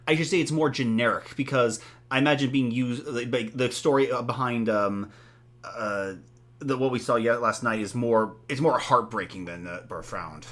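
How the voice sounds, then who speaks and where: Male co-host, mid-pitched, dry sardonic asides in loose chat. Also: normal speed, a bit bright. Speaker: podcast co-host. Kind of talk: casual podcast chat.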